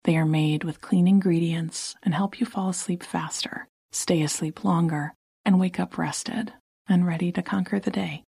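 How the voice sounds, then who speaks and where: A woman reads a scripted commercial as an announcer. Her voice sits on the low side and is very breathy and soft-edged, recorded bone dry. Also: steady tone, normal speed, no room sound. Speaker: advertisement announcer. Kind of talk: scripted ad read.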